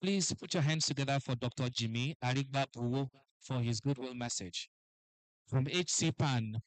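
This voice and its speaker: A man hosting a live event as master of ceremonies, lively and forever calling for applause. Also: mid-range voice, normal speed, no room sound, rough recording. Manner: lively, keeps urging the crowd to applaud.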